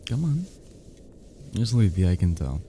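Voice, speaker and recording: A man plays an affectionate, flirty close friend in an intimate romantic roleplay, speaking in a soft, teasing, breathy murmur with hushed pauses. His deep voice takes on a sing-song lilt, and a faint hiss or hum is audible. The mood is cozy and flirty.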